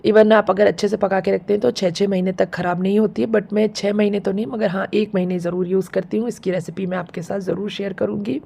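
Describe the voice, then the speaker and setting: A woman with a sore, hoarse throat chatting casually through a home vlog, explaining things step by step. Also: mid-range voice, fairly even intonation, brisk, hardly any pauses, mellow. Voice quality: gravelly, husky. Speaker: home vlogger.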